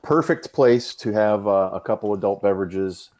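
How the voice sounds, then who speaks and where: A man's voice: lowish voice, normal speed. A man in his fifties from Massachusetts, a podcast guest chatting casually about fitness, telling stories with lots of fillers. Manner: relaxed storyteller with frequent fillers. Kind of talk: casual chat.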